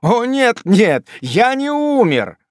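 A man voicing a sentimental, lightly wounded young gentleman courting a lady, speaking softly and tenderly. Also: fairly high pitch, big pitch swings, moderate pace, no room sound, clean studio sound. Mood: pleading. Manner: soft, tender and pleading. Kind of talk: audiobook character voice.

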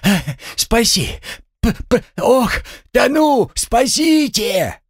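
A man voicing a tiny, hot-tempered male curse-master creature who squeals and drags out his yells. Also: lively intonation, no room sound, clean studio sound, full character voice. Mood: panicked. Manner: shrill, squealing, drawn-out yelling.

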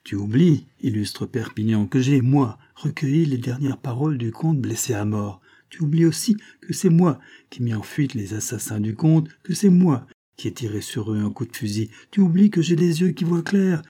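A man voicing a defiant old male woodsman in an audiobook, speaking loudly and indignantly with a husky voice. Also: mid-range voice, normal speed, natural voice. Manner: loud, indignant, rising to shouts.

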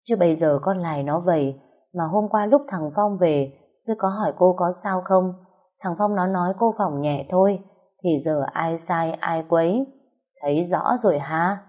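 Woman playing a calm, sharp-minded second wife; Southern Vietnamese accent, low and mellow. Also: natural voice. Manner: measured, reasoning, a little sharp. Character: shrewd calm middle-aged second wife.

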